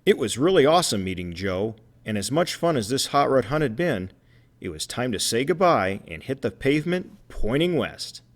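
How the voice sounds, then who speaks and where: A man's voice: medium pitch, sing-song, normal speed. A man narrating his channel's trip as host, in scripted voice-over.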